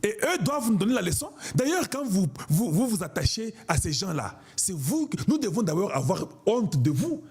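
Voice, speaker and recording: A man's voice: high-pitched, sing-song, normal speed, few pauses, darkish tone, slight background noise. A man from Congo, giving an impassioned political monologue in an emphatic, declamatory way and repeating himself for emphasis. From Congo (DRC). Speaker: online political commentator.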